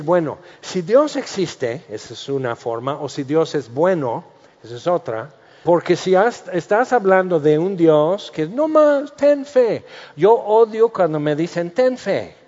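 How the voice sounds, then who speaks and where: Animated preacher in a reverberant hall. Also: male voice, a little high, measured pace. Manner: animated, acts out quoted voices, jokes mixed with scripture. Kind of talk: sermon. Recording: dull reverberant church hall sound.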